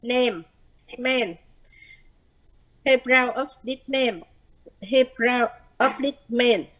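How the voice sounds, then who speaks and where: A woman's voice: a little high, very slow, fairly bright tone, rough recording. A woman student reading practice words aloud carefully, one word at a time.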